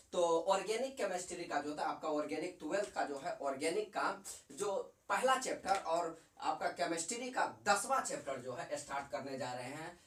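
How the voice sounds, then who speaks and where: Lively Bihari-accented man teaching chemistry. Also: sits high, echoey room, far from the mic. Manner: chatty, repeats and quizzes the viewer, mixes in dialect. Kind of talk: casual classroom lecture.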